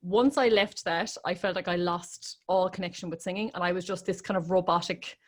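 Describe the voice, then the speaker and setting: A woman's voice: fairly low pitch, fairly even intonation, a little fast. Reflective Irish woman in candid conversation. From Ireland. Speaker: interview guest, classical crossover singer.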